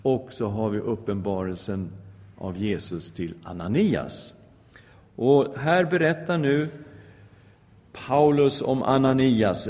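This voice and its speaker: A man giving a Bible teaching sermon in a lively, emphatic way, rising on key words and dropping to near-whispers. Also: mid-range voice. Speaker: preacher. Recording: long reverb of a hall.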